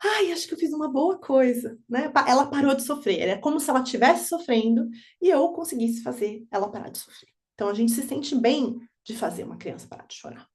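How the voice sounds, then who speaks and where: A parenting educator lectures parents on children's emotions, speaking animatedly and acting out both children and parents in quick, high voices.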